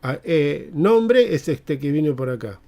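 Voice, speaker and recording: A man's voice: on the high side, lively intonation, unhurried, creaky, mellow. A man teaching a live online programming class, explaining step by step and checking in with tags like "eh?" and "mm?". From Argentina.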